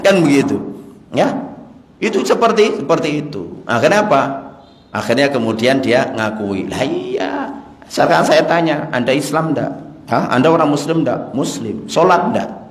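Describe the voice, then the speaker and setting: A man preaching in a mosque, telling a story and acting out both sides of an argument. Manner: animated, acts out dialogue, rising pitch in arguments. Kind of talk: storytelling sermon. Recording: echoey mosque hall.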